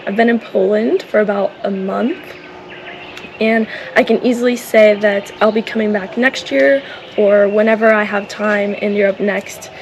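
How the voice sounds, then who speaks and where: A woman with a mid-range voice, a native English speaker, vlogs casually to camera about a volunteer program. She's enthusiastic and upbeat, saying "awesome" again and again, and there's a little hiss or hum in the background.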